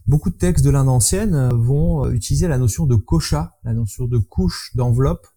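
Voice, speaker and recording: A man's voice: medium pitch, moderate pace, dark tone. A man interviewing a guest, framing a question with hesitant restarts. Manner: hesitant, searching for words.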